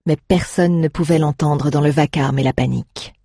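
A narrator reading an adventure story aloud in a steady, dramatic way. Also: mid-range voice, moderate pace, dry recording, studio quality. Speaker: audiobook narrator.

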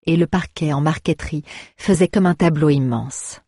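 A woman reading a story aloud in measured, even scripted narration. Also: low-pitched, breathy edge, dry recording, clean studio sound. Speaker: audiobook reader.

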